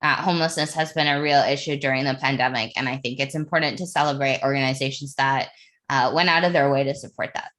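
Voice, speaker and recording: A woman's voice: rumbling low, fairly even intonation, fast, fairly bright tone. Bubbly, giggly woman co-hosting a stream. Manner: laughs often, bubbly. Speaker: co-host of a community livestream. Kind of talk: casual livestream chat.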